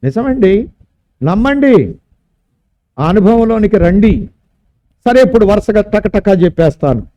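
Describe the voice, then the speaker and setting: A man's voice: high-pitched, animated, a little slow, pauses often, warm tone, highs cut off. A man preaching a sermon at a church service, emphatic and drawing out key words. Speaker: pastor.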